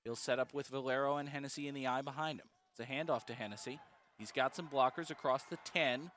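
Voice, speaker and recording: A man calling live college football play-by-play, brisk and precise about each down and yard line. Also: medium pitch, steady tone, fairly bright tone, a little hiss or hum. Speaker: play-by-play announcer.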